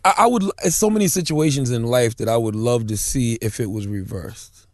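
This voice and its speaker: A man's voice: mid-range voice, brisk, dry recording, clean studio sound. A man co-hosting a podcast, arguing emphatically and profanely in a casual debate. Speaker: podcast co-host.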